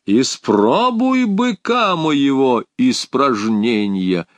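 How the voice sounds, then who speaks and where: A man voicing a huge giant rider from an old verse epic, who speaks slowly and insistently. The pitch rises and falls a lot, and the sound is dry and close. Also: expressive, no echo. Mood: commanding.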